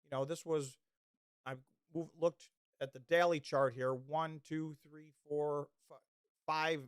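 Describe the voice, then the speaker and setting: His voice is on the high side, steady and smooth, and he takes things slowly. He is a livestream host in casual chat who rambles, restarts often, reads chat comments, and is losing his voice, recorded at studio quality with no room sound.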